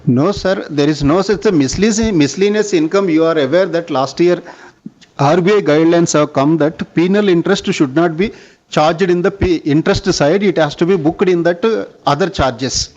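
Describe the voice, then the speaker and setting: An Indian-accented bank executive fields analysts' questions on an earnings call, speaking formally and often calling the listener "sir." His voice runs on the high side with a darkish tone at a normal pace. The conference call audio is dull and lo-fi.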